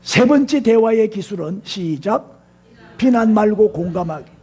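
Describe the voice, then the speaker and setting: An older Gyeongsang-accented pastor from South Korea's Gyeongsang region preaches unhurriedly, his high voice expressive, darkish and husky. He talks with the congregation, prompts them with rhetorical questions, and guides them in repeating phrases.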